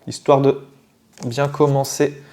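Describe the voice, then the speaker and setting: A man with a French accent chatting casually while opening trading card packs, excitable and given to swearing and sudden shouts. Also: medium pitch, takes it slowly. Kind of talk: casual unboxing chat.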